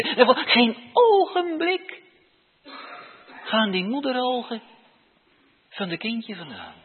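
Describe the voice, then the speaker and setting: A man preaches slowly and earnestly, his fairly high, husky voice swinging widely in pitch. His words land with sudden emphatic lifts. The sound is thin and phone-like, with a long reverb trailing behind like a big church. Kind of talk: sermon.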